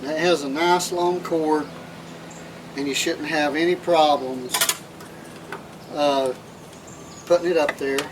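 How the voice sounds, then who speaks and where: Working hands-on in and around a minivan, a vlog host gives a casual, plain-spoken how-to demonstration and often repeats his phrases. His voice is fairly high and steady, and he talks slowly with long pauses over a noisy background.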